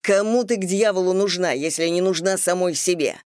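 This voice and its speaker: Reader putting on a cruel sneering guy, slow harsh voice, dry close sound. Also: medium pitch, big pitch swings, smooth, no echo, full character voice. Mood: scornful. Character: cruel, contemptuous man berating a woman.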